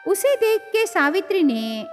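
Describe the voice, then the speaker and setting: A woman narrating a storybook cartoon in a plain, measured way. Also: very high-pitched, sing-song, soft background music.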